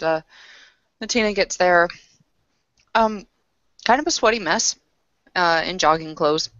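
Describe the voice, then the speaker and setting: A woman playing a tabletop roleplaying game casually narrates her character in hesitant, piecemeal phrases. Her voice is fairly low and a bit bright, with no echo, over dry, slightly muffled voice-chat audio.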